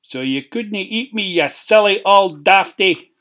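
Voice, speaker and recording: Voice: mid-range voice, lively intonation, unhurried, pushed and bright, voice pushed up. A narrator voicing a grumpy, cocky little pig in a Scottish storybook tale, talking back defiantly. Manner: defiant and cheeky.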